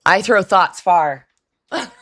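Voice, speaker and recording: A woman hosts an easygoing livestream call-in in a raspy, hoarse voice, laughing often and responding to her chat as she chats loosely. Her pitch is fairly low and her tone fairly bright.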